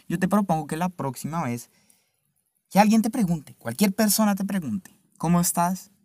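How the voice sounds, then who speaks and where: A man's voice: high voice, a little mellow, no room sound, studio quality. A young man talking casually and reflectively to the camera, swearing freely and often checking in with the listener. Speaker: vlogger.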